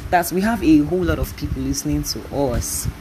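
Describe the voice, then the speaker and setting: A young Nigerian woman in her early twenties hosts a solo podcast, chatting casually in a low, fairly quick voice. Her delivery rambles and she laughs often, and the home recording is noisy.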